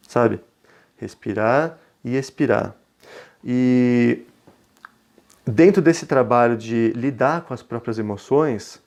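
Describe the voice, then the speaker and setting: Brazilian man in his thirties, parenting educator, gentle and reflective, mid-pitched, relaxed webinar delivery. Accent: Brazilian Portuguese. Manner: calm, reflective, gentle, often ending phrases with a questioning tag. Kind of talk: conversational webinar talk.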